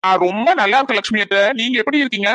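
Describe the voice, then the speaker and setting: A woman voicing a cheerful young man just home from abroad, reassuring his family. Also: a little high. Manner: warm, reassuring, quick.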